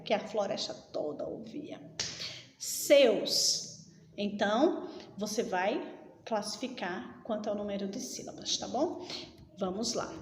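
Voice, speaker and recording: A woman's voice: on the high side, darkish tone. A woman, a schoolteacher giving a recorded lesson to children, explaining patiently and checking in with questions. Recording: roomy echo with long reverb and faint noise.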